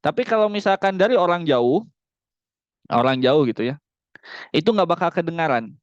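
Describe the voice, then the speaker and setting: A man teaching Quran recitation in an online class over a close mic. He explains each rule, then models the words in long, drawn-out recitation. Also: on the high side, animated, no room sound, lo-fi sound. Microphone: close mic on a video call.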